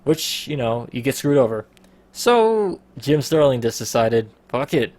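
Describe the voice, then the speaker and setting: A man's voice: medium pitch, big pitch swings, unhurried, darkish tone, no echo. A man hosts a casual podcast in an easygoing, rambling way. He swears freely and laughs often as he talks. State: out of breath. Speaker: podcast host.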